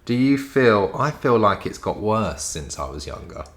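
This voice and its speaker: A man's voice: on the low side, big pitch swings, moderate pace. A man from Essex with an Essex accent, interviewing in a casual, chatty style. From Essex, England. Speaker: interviewer, podcast host. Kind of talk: casual chat.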